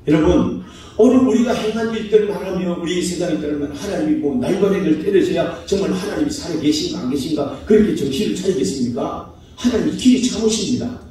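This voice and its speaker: A man's voice: sits high, mellow. A male pastor preaching a sermon, asking the congregation rhetorical questions and acting out short quotes. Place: church sanctuary. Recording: echoey hall from far off.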